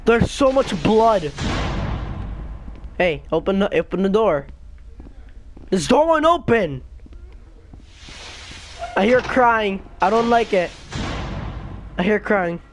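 Very high male voice, hyped gamer bro, excitable slangy game chat, noisy voice-chat audio. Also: slow, long pauses. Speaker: gamer playing a multiplayer horror game. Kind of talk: casual excited gaming chat with friends.

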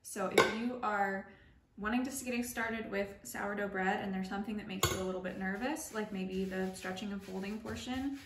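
A young woman at medium pitch, with fairly even intonation and normal speed, guides viewers through a casual home baking tutorial. As host of her own channel, she chats in a friendly way while working in a kitchen that sounds echoey with faint noise.

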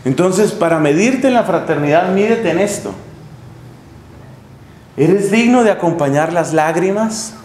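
Middle-aged friar, high voice, sermon in an echoey room with faint hum. Lively storyteller. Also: male voice, unhurried, pauses often. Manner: lively storytelling, acts out scenes with humor. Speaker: friar preacher. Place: chapel in a monastery.

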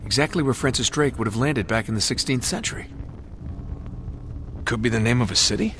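An actor playing a wry, quick-witted treasure hunter in his thirties in a video game, talking casually. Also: medium pitch, a bit bright, slight background noise, close to an everyday voice. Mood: curious. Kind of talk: video game cinematic acting.

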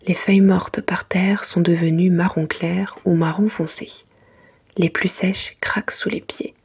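A woman narrates a children's bedtime book in a very breathy, mostly whispered ASMR voice. Her pitch sits a little low. She reads gently and carefully, as if to young children. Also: level tone, a little slow. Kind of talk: soft whispered ASMR bedtime story reading.

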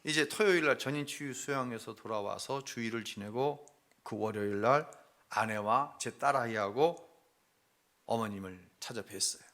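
Middle-aged pastor guy preaching, bright tone, goes quiet then loud when he acts out what people said. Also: mid-range voice, normal speed. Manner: storytelling, acting out quoted family voices, swings between hushed and loud. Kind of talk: sermon with personal story.

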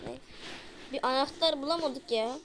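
A woman with a high voice talks at normal speed over a very noisy recording. Hosting a horror game let's play on her gaming channel, she keeps chatting to viewers and yelps whenever something startles her.

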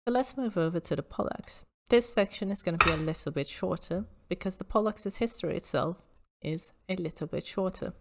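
A woman presenting an informal history lecture in a measured, precise, explanatory way. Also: on the low side.

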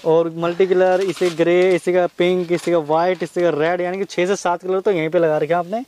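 A male vlogger with a slightly high voice tours a shop and repeats every price back with eager praise. A faint hiss of background noise sits under his voice. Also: little pitch movement, normal speed, a little mellow. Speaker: vlogger touring a market. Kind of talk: casual vlog chat.

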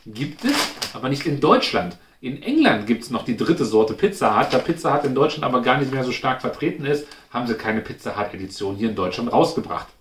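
A man's voice: mid-range voice, big pitch swings, brisk, hardly any pauses. A man, chatting informally as he hosts a taste-test review, thinking aloud. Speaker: food review host. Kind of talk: casual chat, snack taste-test review. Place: indoors at home, in front of a glass cabinet. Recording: roomy echo, clear background noise.

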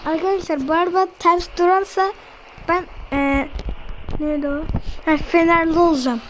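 A woman with a cold, giving casual, excitable commentary on her gameplay and blurting out slangy exclamations at the game. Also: extremely high pitch, moderate pace, slight background noise. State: sick, coughing. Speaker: gaming video maker.

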